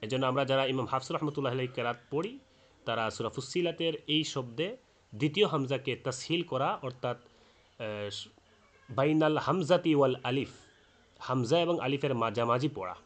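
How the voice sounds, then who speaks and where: A man teaching Quran recitation rules in a spoken lesson. He explains slowly, with frequent hesitant fillers, and chants the example words aloud. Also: mid-range voice, expressive.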